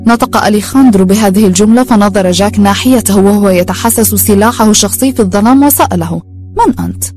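A woman narrating a story in a calm, steady reading voice. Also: medium pitch, fast talker, faint music behind.

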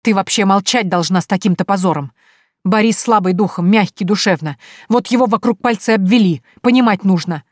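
A woman's voice: mid-range voice, fairly quick, no room sound, studio quality, close to an everyday voice. A woman reading an audiobook, voicing a tearful, spiteful and domineering older merchant's wife who wails and scolds. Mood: indignant. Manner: wailing, scolding, indignant.

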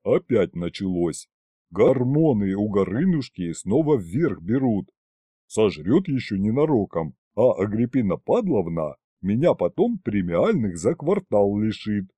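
A man voicing a gruff, grumbling male three-headed dragon who talks rough and blunt. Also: fairly low pitch, sing-song, a little slow, dark tone, no echo.

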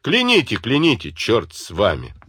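A man voicing a defiant, scornful young woman who snaps back in sharp, spiteful retorts. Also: on the low side, wildly swooping pitch, normal speed, husky, no echo, clean studio sound, exaggerated voice.

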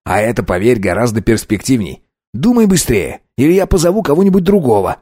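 A man's voice: medium pitch, sing-song, a little fast, mellow, breathy edge, no room sound. A man voicing a brash young heir, full of himself and teasing, pushing his offers with a smug, playful tone. The voice stays close to the narrator's own, dry and close to the mic.

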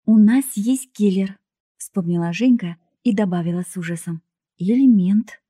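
A woman reading the part of a panicky, excitable young woman in an audiobook, with a frantic, shrill delivery. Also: normal speed, no echo, studio quality, close to an everyday voice. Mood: alarmed.

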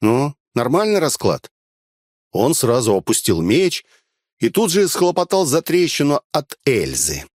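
A man narrating an audiobook in the first person, with a wry, expressive telling. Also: medium pitch, measured pace, husky, dry recording, studio quality.

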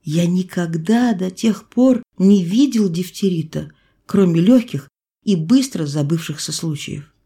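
Woman, audiobook narrator, literary story, measured, lowish voice. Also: lively intonation, dark tone, breathy edge. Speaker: audiobook reader.

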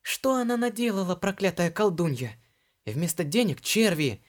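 A mischievous young servant lad squeals in a very high, whiny voice. He lays on theatrical mock terror. It is audiobook character work. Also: big pitch swings, moderate pace. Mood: whining. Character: sly giggling young male servant, mock-frightened.

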